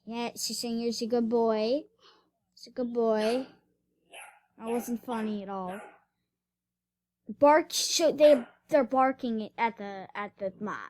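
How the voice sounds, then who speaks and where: A woman's voice: fairly high pitch, slow pace, long pauses, a little mellow. A woman doing casual reaction commentary, giggling and retelling each clip in a rambling way. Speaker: reaction vlogger.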